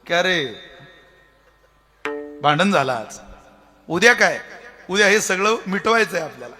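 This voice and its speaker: A man preaching a devotional kirtan sermon in a lively, humorous manner, talking straight to the crowd. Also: high voice, unhurried, soft background music. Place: festival pavilion. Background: faint tabla and instruments.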